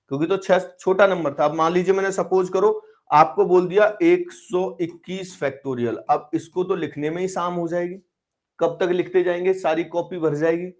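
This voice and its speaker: A man's voice: on the high side, darkish tone. A man teaching a live online math class, coaxing and quizzing his students as he explains. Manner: coaxing, quizzing students, switching between Hindi and English terms.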